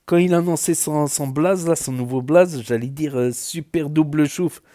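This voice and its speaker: Pitched somewhat high and mellow, a male news commentator on YouTube talks at a moderate clip in a southwestern French accent. His reactions are casual and meandering, peppered with "voilà," "euh," and sentences he keeps restarting.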